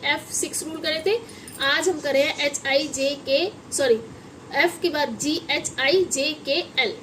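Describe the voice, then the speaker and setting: High-pitched woman as patient English teacher, explains to kids with questions, faint hiss behind. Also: rough recording. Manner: patient, addresses viewers as children, asks and answers her own questions. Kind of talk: classroom-style lesson at a whiteboard.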